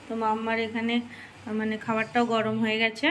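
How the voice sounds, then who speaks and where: A woman's voice: fairly high pitch, monotone, brisk, crowd noise. A woman from India chatting casually to her viewers in a home vlog from her kitchen, talking straight to them with plenty of "I mean.". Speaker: daily vlogger.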